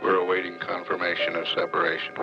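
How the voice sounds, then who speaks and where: A man giving measured, matter-of-fact live spaceflight commentary as a mission control announcer. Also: low voice, completely flat delivery. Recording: muffled archival broadcast under loud music. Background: loud music.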